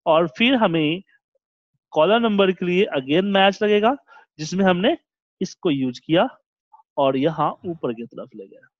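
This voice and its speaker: A man's voice: high-pitched, animated, measured pace, dry recording, lo-fi sound. A male computer trainer giving a hands-on spreadsheet lesson, explaining step by step and checking in often.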